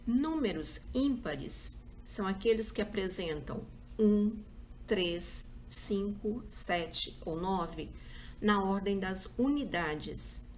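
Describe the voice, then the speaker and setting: A woman's voice: medium pitch, animated, darkish tone, a little hiss or hum. A woman teacher with a Brazilian Portuguese accent giving a patient school review lesson, listing examples one by one. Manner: slow, patient, spells out examples.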